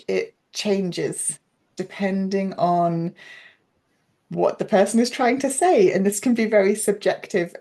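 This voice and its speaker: A woman's voice: mid-range voice, warm tone. A woman, a guest in a casual interview, explaining her teaching at length in a thoughtful way. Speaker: interview guest, pronunciation coach.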